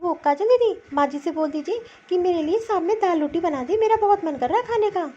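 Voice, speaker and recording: A woman's voice: very high-pitched, animated, fairly quick, warm tone. A woman voicing a weak young new mother in a cartoon story, complaining plaintively and sounding sore and tired. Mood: self-pitying. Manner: plaintive, self-pitying complaining. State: weak and sore after childbirth. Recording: slightly dull lo-fi recording.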